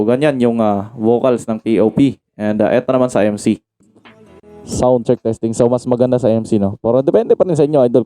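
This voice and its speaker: A man's voice: medium pitch, dark tone. A man from the Philippines giving a casual product demo, chatting to viewers as "idol" and breaking into mic checks. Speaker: sound card reviewer and MC. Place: home facing a market.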